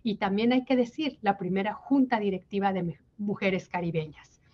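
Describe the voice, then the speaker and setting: A woman with a mid-pitched voice acts as moderator at an official event. She speaks in a formal register as she introduces others. The sound is somewhat dull and low in fidelity. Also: fast talker. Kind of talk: formal introductory remarks in Spanish.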